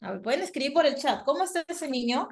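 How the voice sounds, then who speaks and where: A woman's voice: sits high, animated, quick pace, vocal fry. A Peruvian woman teaches an online class over a video call. She often turns to her students with questions and fills her talk with fillers and tag questions, keeping the tone conversational. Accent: Peruvian Spanish. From Peru. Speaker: psychologist and teacher. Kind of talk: virtual class lecture.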